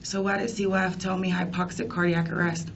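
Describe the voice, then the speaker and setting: A young woman with a lowish voice answers police questions in an indoor interview room, sounding tentative and matter-of-fact. Her delivery is flat and a little quick. A distant room microphone captures her, so the recording comes across muffled and noisy.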